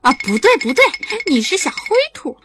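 A woman's voice: high-pitched, big pitch swings, moderate pace, fairly bright tone, slight background noise, pitched above the performer's own voice. A woman voicing a cheerful, curious little boy in a children's bedtime story, eager and questioning. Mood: puzzled.

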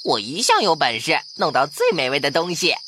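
A woman's voice: low voice, huge pitch swings, fairly quick, sharp tone, slight background noise, heavily acted. A woman voicing a big, easygoing male field mouse in a children's audio fairy tale, self-assured, chummy and swaggering. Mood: chummy, proud.

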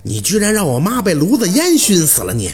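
A man voicing an enraged village husband who rants and shouts. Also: high voice, huge pitch swings, normal speed, pitched above the performer's own voice, full character voice. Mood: furious. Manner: shouting, ranting. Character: furious bellowing village husband.

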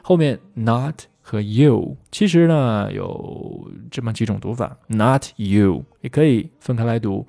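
A man teaching English on his podcast in a loose, chatty way that wanders as he explains. His voice is low, dark and gravelly, recorded dry and close. Faint music plays underneath. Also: no room sound. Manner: relaxed, chatty, rambling. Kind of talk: casual lesson explaining English pronunciation.

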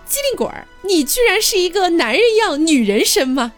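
A woman's voice: very high-pitched, big pitch swings, a little fast, soft background music, voice pushed up. A woman putting on a teasing middle-aged matron.

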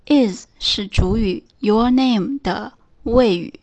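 A woman teaching English in a scripted lesson, reading out example phrases slowly and clearly. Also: fairly high pitch, darkish tone, highs cut off.

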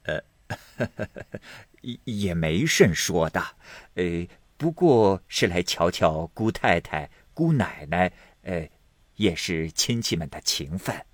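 A man voicing a poor, humble old country grandmother who speaks haltingly in a storybook reading. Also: deep voice, animated, dry recording, full character voice. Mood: bashful. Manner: halting, hesitant speech.

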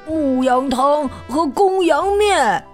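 A woman's voice: high-pitched, expressive, takes it slowly, a little mellow, soft background music. A woman voicing a greedy, whiny young male wolf cub in a children's storybook, drawing out his calls and bursting into tantrums. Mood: sly coaxing. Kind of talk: storybook read-aloud.

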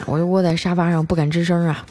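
A woman's voice: fairly low pitch, little pitch movement, fast, warm tone, faint music behind. A young woman narrating funny anecdotes in a chatty style, with many filler particles. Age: young adult. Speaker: comedy storyteller. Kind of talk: comic story narration.

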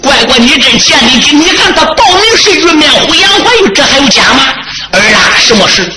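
A man's voice: very high-pitched, big pitch swings, a little fast, loud music behind the voice, voice pushed up. A man storyteller voicing a fond, worried mother, coaxing her son. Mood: fond, urging. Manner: fond, coaxing, calls the boy "乖乖". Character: worried devoted mother, middle-aged woman warrior. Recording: roomy, loud background noise.

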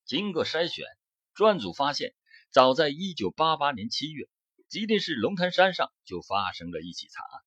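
A man reading a scripted true-crime account in a measured storytelling cadence that rises for emphasis. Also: fairly high pitch, sing-song, fairly bright tone, breathy edge, no echo. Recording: dull close-miked dry audio.

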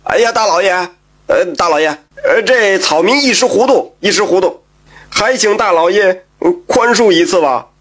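Brief: male storyteller doing a sly, wheedling rogue, voice pushed up high, storybook telling. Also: animated, moderate pace, a bit bright. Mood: pleading. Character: sly, whining male village scoundrel.

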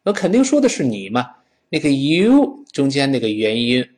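A man a lilt and teaches English pronunciation, a voice that rises and falls widely. His pitch sits in the middle for a man. He models words slowly and has listeners read along after him. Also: big pitch swings. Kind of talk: explaining English pronunciation to learners.

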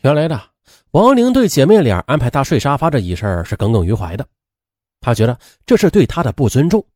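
A man's voice: mid-range voice, sing-song, quick pace, dark tone, dry recording, clean studio sound. A man narrating a true-crime story in a chatty way, with frequent fillers.

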